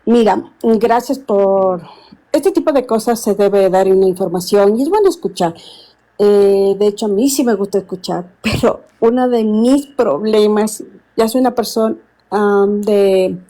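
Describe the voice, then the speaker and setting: A woman, calling in to a live stream and speaking earnestly, often pausing to search for words. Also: mid-range voice, mellow, low-quality recording. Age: 60s. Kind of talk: casual call-in chat.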